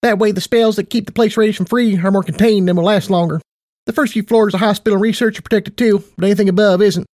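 A man's voice: high-pitched, steady tone, fast talker, a little mellow, dry recording, studio quality, voice pushed up, close to an everyday voice. A man voicing a perky, affectionate female pony who teases and chatters in a bubbly way. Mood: amused.

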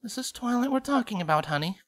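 A woman voicing a calm, wry noble mother mare pony with a gentle manner. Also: fairly high pitch, fast talker, voice pushed up, lightly acted.

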